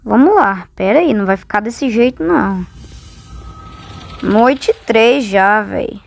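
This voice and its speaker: High-pitched Brazilian woman gaming. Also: expressive, unhurried, creaky. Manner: exclamatory, complaining. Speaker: gamer. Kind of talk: casual gameplay commentary.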